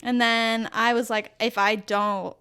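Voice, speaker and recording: A young woman co-hosting a chatty podcast, her voice sitting a bit high. She rambles through stories, restarts herself and laughs easily as she goes. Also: level tone, a little slow, pushed and bright, clean tone. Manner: rambling, laughs often, self-correcting storyteller. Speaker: podcast co-host. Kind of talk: casual chat.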